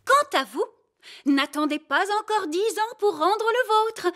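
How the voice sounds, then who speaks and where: High-voiced rabbit librarian, Mademoiselle Rabbit. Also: female voice, expressive, unhurried, fairly bright tone, exaggerated voice. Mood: admonishing. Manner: instructive, mildly admonishing. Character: brisk, firm female rabbit librarian. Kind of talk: children's cartoon dialogue.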